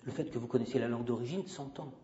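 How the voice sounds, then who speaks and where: Rapid-fire delivery comes from a mid-range, mellow, slightly rough male voice. The guest lecturer addresses a university crowd through a handheld microphone, emphatic, tangential and chatty with listeners. The recording is dull and lo-fi, with a long hall reverb.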